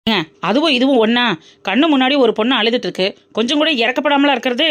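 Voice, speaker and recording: A woman voicing a sharp-tongued young woman defending her friend in a family cartoon. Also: on the high side, natural voice. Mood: indignant. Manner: indignant, quick retorts.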